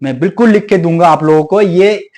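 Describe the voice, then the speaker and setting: Young man, high-pitched, indignant vlogger monologue with lots of repetition and English mixed in. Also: brisk, a little mellow. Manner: indignant, repeats himself, code-switches into English. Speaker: video creator warning viewers. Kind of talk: casual direct-to-camera monologue.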